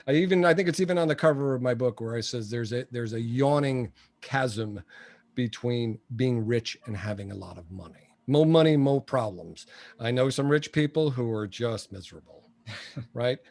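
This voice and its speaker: A man's voice: mid-range voice, lively intonation, moderate pace, darkish tone. A man in his sixties, a guest entrepreneur and coach, talking bluntly and telling jokey stories in a casual interview. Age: 60s. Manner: blunt, joking storyteller.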